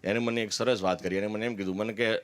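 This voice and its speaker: A man's voice: lowish voice, fairly even intonation, fast. A man gives a candid, earnest personal testimony at a religious gathering, with emphatic declarations.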